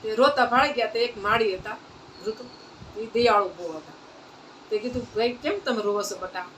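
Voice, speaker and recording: A devotional storyteller speaks at normal speed in a slightly high, somewhat bright voice. She tells of a saint's life at a satsang, plainly and folk-style, repeating phrases. The recording comes from a distant mic with faint surrounding noise.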